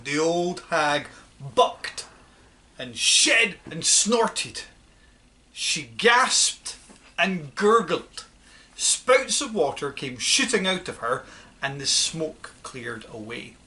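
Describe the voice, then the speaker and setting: Woman reading a kids story aloud, slow and lively, really bright tone. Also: low-pitched. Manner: expressive, dramatic reading. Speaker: audiobook narrator. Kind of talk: storybook narration.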